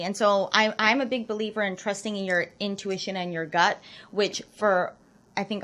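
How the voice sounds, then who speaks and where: A woman's voice: mid-range voice, a bit bright. Reflective American woman guest. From Utah, USA. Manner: reflective, many ums and likes. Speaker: film director, podcast guest. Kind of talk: casual interview chat.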